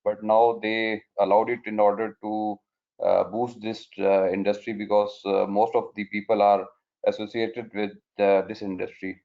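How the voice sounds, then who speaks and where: A man with a Pakistani accent asking a question in an online seminar, halting and deferential in his delivery. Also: fairly low pitch, level tone, vocal fry. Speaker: audience member asking a question. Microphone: remote call connection. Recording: thin, phone-like online call audio.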